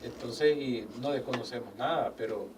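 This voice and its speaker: Appearing as a guest in a casual interview, an older man who owns a business tells his life story animatedly, speaking in faith-filled terms and performing quoted conversations. His pitch is medium and his pace moderate, and the distant microphone picks up faint background noise.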